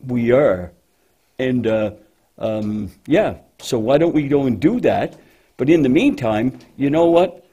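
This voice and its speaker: Voicing a female cow in a children's church puppet show, a man speaks slowly and animatedly in a husky tone. The character is deep-voiced, patient and motherly, explaining things gently and with some hesitation.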